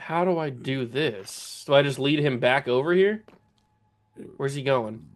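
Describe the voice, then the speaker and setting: A man giving casual commentary while playing a game, thinking aloud, talking to enemies, his voice a little rough and strained. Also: medium pitch, measured pace. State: voice going, clearing throat. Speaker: let's play gamer.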